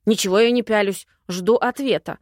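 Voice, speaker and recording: A woman voicing a cocky young immortal man who lies smoothly and talks in a calm, self-assured way, in an audiobook. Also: mid-range voice, normal speed, no room sound, clean studio sound, lightly acted.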